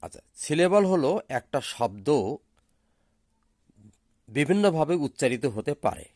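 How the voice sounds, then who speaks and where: A man giving a recorded exam-prep lesson, slow and deliberate, drawing out English words for pronunciation practice. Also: on the high side, very animated, a little mellow, dry recording, studio quality. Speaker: teacher.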